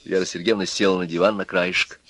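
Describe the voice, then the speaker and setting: A man narrating an audiobook in an expressive reading style. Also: sits low, fast, no echo.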